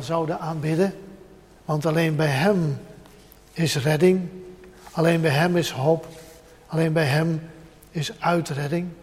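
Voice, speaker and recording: A man preaching a sermon with emphasis, repeating short phrases as he builds up, speaking directly to his listeners. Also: a little high. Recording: long hall reverb.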